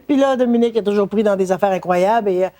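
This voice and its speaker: A woman with a Québécois accent gives enthusiastic commentary. She sits in a middle pitch with a mellow, warm tone. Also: fairly quick. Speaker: interviewee, commentator.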